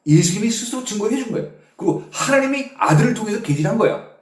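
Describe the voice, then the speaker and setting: Animated preacher man in an echoey room. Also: high voice, quick pace. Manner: explains verses in casual speech, acting out quotes. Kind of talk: bible study sermon.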